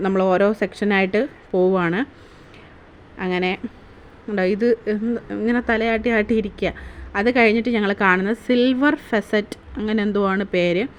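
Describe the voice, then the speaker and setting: A woman's voice: medium pitch, a little hiss or hum. A woman narrating her family day-out vlog in a casual, chatty way, often asking viewers to comment. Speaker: vlogger.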